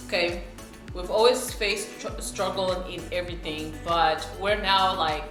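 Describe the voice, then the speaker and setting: Speaking slowly in a lowish voice with fairly even intonation, a young South Sudanese vlogger chats to camera while she eats. She regularly checks in with her viewers, and the roomy room has faint music playing.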